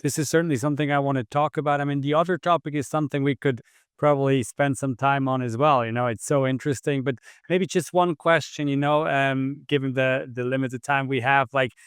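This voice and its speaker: A man hosting an interview podcast, chatting casually and loosely, with halting restarts while he asks questions. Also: medium pitch, fairly even intonation, clean tone, no echo, clean studio sound. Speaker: podcast host.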